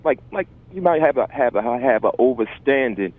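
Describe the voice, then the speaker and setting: A man's voice: medium pitch, animated, a little fast. Laid-back male caller on a phone line. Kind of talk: call-in comment.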